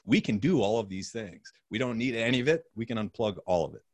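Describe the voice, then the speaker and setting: A man's voice: lowish voice, expressive, fast talker, dry recording. A man as a podcast guest, talking in an easygoing, reflective way with casual filler words. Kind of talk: casual conversation.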